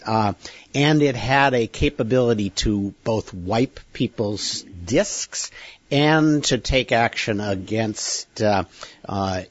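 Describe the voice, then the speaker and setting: A man hosting a podcast, talking in a halting way with many fillers. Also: lowish voice, no echo, lo-fi sound. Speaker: podcast host. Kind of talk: casual podcast chat.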